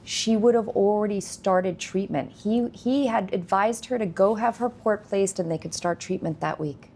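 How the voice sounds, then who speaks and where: A woman telling a long story in a casual interview, animated, acting out what other people said. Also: mid-range voice, normal speed, slight background noise. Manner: animated storyteller, acts out quoted speech. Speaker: guest, nursing company founder.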